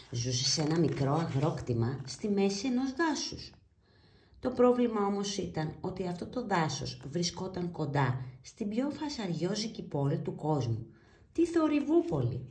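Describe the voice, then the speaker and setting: A woman reading a children's storybook aloud in an animated, expressive way. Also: lowish voice. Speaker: storybook reader. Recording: roomy echo.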